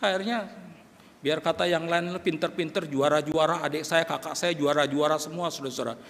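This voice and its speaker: A man's voice: on the high side, fairly even intonation, fairly quick, fairly bright tone. A middle-aged male pastor preaching a sermon, telling a personal story with feeling and quoting himself. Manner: emotional storyteller, quotes himself and sings lines. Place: church hall. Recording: long church reverb, faint noise.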